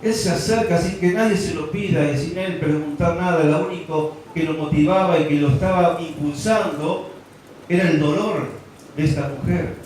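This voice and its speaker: A man's voice: a little high, normal speed, a little mellow, a little hiss or hum. A man, preaching a sermon, asking rhetorical questions and building emphasis. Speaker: pastor. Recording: echoey hall from far off.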